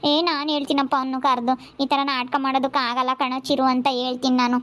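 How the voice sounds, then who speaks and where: A woman's voice: sits high, flat delivery, fairly quick, pushed and bright. A woman playing a chatty, sympathetic neighbor lady who tut-tuts over the young wife. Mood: sympathetic gossip. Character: gossipy sympathetic woman neighbor, middle-aged.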